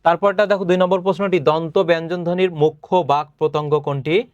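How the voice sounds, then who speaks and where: A young male teacher gives a recorded online lesson in a slightly high voice. He explains step by step, poses questions and answers them himself, and clears his throat often. The sound is dry and close to the mic. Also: steady tone, quick pace, dry recording, muffled recording. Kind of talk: recorded online class lecture.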